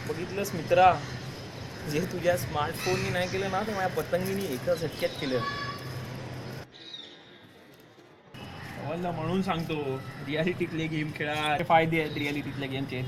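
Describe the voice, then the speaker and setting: A man's voice: on the high side, fairly even intonation, a little fast, close to an everyday voice. Man acting as a commanding elder brother, barking kite orders, boastful, noisy outdoor sound. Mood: easygoing. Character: bossy young kite-flying elder brother. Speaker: older brother flying kites. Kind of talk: short film acting.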